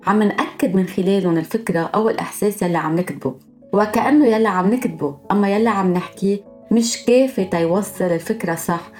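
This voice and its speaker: A woman's voice: medium pitch, fast talker, mellow, faint music behind. A woman with a Lebanese accent hosting a podcast, explaining her topic in a scripted monologue and going through examples one by one. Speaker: podcast host.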